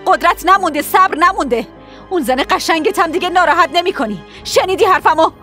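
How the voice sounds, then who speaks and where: A woman's voice: very high-pitched, animated, pushed and bright, faint music behind, heavily acted. A woman voicing a fierce mother who berates and threatens her grown son in a dubbed TV drama. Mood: weary scolding.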